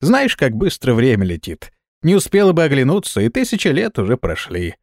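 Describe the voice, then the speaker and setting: A man's voice: medium pitch, wildly swooping pitch, a little fast, no room sound, studio quality, pitched above the performer's own voice. A man voicing an old, weary male vampire lord who groans and complains, in a storybook reading.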